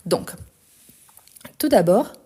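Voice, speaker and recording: A woman with a Lyon accent, from France and Brazil, teaching a French grammar lesson in a live stream, spelling out verb forms slowly and firmly answering critics. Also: mellow. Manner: explanatory, repeats forms slowly, gets indignant answering critics.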